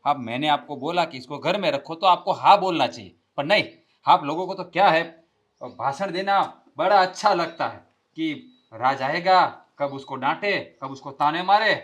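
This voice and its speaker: A man's voice: fairly high pitch, normal speed, a bit bright, lo-fi sound. An actor playing a rude, quarrelsome younger brother who scolds his family harshly. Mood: scolding. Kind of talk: scripted family drama acting.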